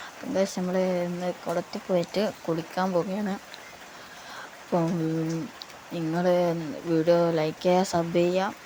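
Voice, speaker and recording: A woman's voice: fairly low pitch, a little mellow, slight background noise, rough recording. Rambling woman gamer with a sore throat. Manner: rambling, filler-heavy, keeps addressing viewers. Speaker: gaming YouTuber. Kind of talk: casual gameplay commentary.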